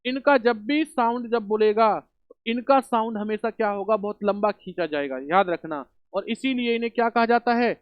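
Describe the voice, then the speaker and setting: A man's voice: sits high, moderate pace, clear, resonant tone, dry recording. A man teaching a spelling lesson for exam prep, asking rhetorical questions and answering them himself, calling students children and brothers. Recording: dull dry home recording.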